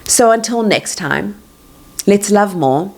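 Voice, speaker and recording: A woman's voice: lively intonation, slow pace, creaky. Earnest young woman preaching a heartfelt appeal. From Tanzania. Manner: heartfelt, preacherly, swells higher and softer on scripture lines. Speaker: host. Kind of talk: earnest faith-based appeal to viewers.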